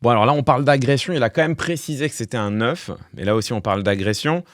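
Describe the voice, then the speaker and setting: A man's voice: medium pitch, quick pace, no room sound. A man streamer giving casual live-stream commentary, thinking aloud with fillers and restarts. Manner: talks through thoughts with fillers and restarts, wry laughs.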